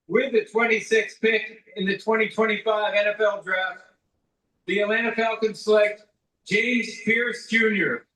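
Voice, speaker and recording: A man making a formal announcement over a loudspeaker, slow and measured, played back from a broadcast. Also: sits high, steady tone. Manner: slow, measured, drawn-out delivery. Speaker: draft announcer. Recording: roomy, distant, played from a broadcast.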